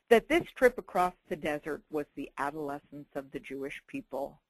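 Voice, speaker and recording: A woman's voice: low-pitched, dry recording, poor audio. Middle-aged woman, wry sermon-style talk, acts out quotes, dry close sound. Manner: wry, expressive, with dramatic quoted voices. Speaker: speaker giving a Torah talk.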